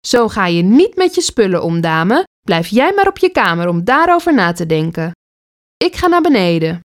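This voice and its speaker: A woman voicing a kind but firm mother in a read-aloud children's story, gently explaining. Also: mid-range voice, big pitch swings, moderate pace, close to an everyday voice. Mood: stern. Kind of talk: storybook character voice.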